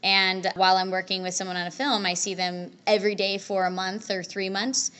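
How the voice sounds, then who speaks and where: A woman's voice: medium pitch, level tone, a bit bright, clean tone. A young adult woman, an actress, chatting upbeat in a casual convention interview. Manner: chatty, upbeat, quick restarts. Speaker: voice and screen actress, interview guest.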